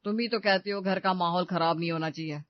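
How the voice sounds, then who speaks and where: A woman voicing a young husband in an animated family story, defensive and placating between his wife and mother. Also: fairly low pitch, fast talker, dry recording, natural voice. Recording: dry, slightly dull studio recording.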